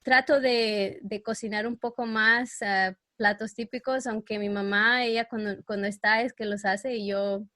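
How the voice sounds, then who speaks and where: A woman's voice: mid-range voice, fairly even intonation, moderate pace, hardly any pauses, bright, forceful tone, no room sound. A middle-aged woman from El Salvador, raised in New York, speaking as a guest in a casual podcast interview. She talks hesitantly, with many fillers, and sometimes searches for words. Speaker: guest expert.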